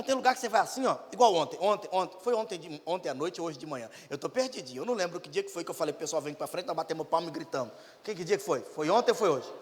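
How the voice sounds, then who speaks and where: A Brazilian pastor with a very high, gravelly voice preaches a playful sermon, slipping into character voices and sudden shouts. His words ring out in a large church hall with a long echo trailing after them. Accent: Brazilian Portuguese. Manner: acts out voices of congregants and demons, shouting bursts. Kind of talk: lively humorous sermon.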